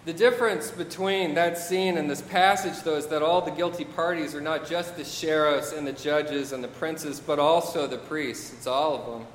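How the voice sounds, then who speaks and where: A man's voice: on the high side, fairly even intonation, normal speed, few pauses, a little hiss or hum. A man preaching a sermon, reading scripture and adding wry, modern asides. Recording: echoey hall with long reverb, faint ambience.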